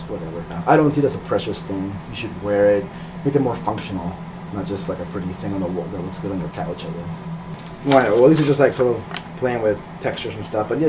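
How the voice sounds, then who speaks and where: A middle-aged man, an illustrator originally from Peru and later based in California, is interviewed about himself and answers informally, hesitating and thinking out loud. He has a lowish voice, and there is noise in the background.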